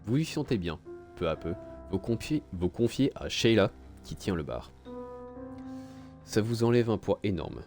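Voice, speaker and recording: A man's voice: on the low side, sing-song, a little slow, pauses often, darkish tone, soft background music. A man playing a video game on stream, reading its story text aloud and adding casual, crude asides. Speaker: let's play streamer.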